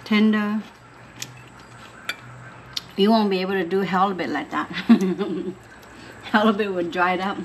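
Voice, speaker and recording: A woman who cooked the meal, explaining and serving it at home in an unhurried, casual way. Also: mid-range voice, fairly even intonation. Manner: unhurried, explaining as she serves. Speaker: cook. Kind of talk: casual cooking talk. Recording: home video with clear background noise.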